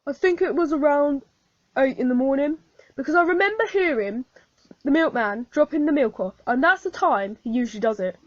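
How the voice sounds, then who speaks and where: A woman's voice: high-pitched, expressive, moderate pace, no room sound. A woman playing a male hotel landlord in an amateur radio play, giving a plain, careful account as a witness. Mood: recounting. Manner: plain, careful storytelling testimony. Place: home, recorded alone. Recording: dull, dry home recording.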